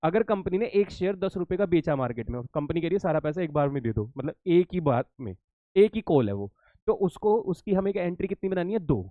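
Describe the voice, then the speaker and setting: A man's voice: high voice, animated, brisk, no room sound, phone-quality sound. A male accountancy teacher giving an exam-prep lesson to students, repeating key points, checking that they follow and calling them kids.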